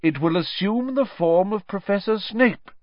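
Man voicing Professor Lupin, animated high-pitched wizard teacher. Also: no echo, highs cut off. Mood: emphatic, coaching. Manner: deliberate, instructive, encouraging. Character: cheerful, reassuring, thoughtful male schoolteacher of magic. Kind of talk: audiobook character reading.

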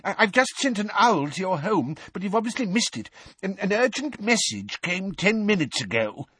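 A man's voice: sits high, very animated, normal speed, pushed and bright, breathy edge, no echo, pitched above the performer's own voice, heavily acted. A man voicing a timid, flustered old wizard clerk who stammers out urgent news. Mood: desperate. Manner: stammering, desperate and breathless.

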